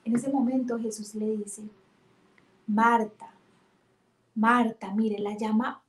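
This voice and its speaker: Woman teaching with lively storytelling. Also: fairly high pitch, moderate pace, roomy sound, a little hiss or hum. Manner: warm, animated storytelling with emphatic retellings.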